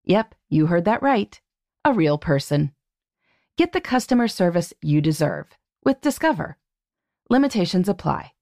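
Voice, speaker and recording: A woman's voice: lowish voice, very animated, moderate pace, dark tone, no room sound, studio quality. A woman announcer reading a scripted advertisement. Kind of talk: scripted ad read.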